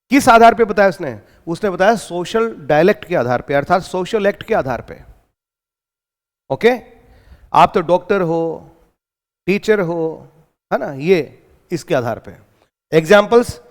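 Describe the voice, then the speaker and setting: An Indian man with an Indian accent and a high-pitched voice delivers an exam-prep lecture as an English teacher, explaining points and then answering his own questions. He speaks Hindi mixed with English terms, and the sound has a big-room quality.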